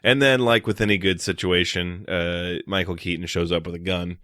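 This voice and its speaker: Deep-voiced man recapping a film. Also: moderate pace, smooth, no room sound, clean studio sound. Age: young adult. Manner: recapping scenes in a relaxed, joking way. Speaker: podcast co-host. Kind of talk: casual film discussion.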